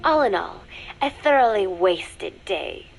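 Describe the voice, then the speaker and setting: A woman voicing a young female spy who poses as a sweet teenage student, narrating a diary in a cool, measured, quietly sardonic way. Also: medium pitch, animated, gravelly, soft background music, low-quality recording. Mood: calm.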